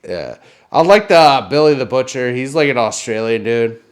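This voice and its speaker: A man's voice: mid-range voice, animated, normal speed. Laughing man cracking jokes. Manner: joking, laughing a lot, filler-heavy. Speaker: podcast co-host. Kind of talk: casual chat.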